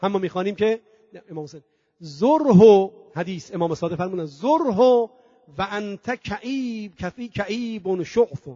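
A high-voiced man delivers a mourning-gathering sermon, chanting scripture lines in a singing tone. He builds long emphatic lists and poses rhetorical questions to the congregation. The recording sounds muffled, lo-fi and very dry. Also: warm tone, no echo. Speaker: preacher.

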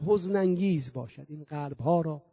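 A high-voiced man delivers a mourning-gathering sermon, chanting scripture lines in a singing tone. He builds long emphatic lists and poses rhetorical questions to the congregation. The recording sounds muffled, lo-fi and very dry. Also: dark tone, husky, no room sound. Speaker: preacher.

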